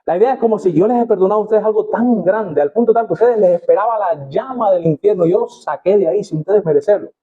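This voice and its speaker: High-voiced preaching man, muffled sound. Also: quick pace, few pauses, husky. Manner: expressive preaching, rises high when reading scripture aloud. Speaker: pastor. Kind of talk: sermon.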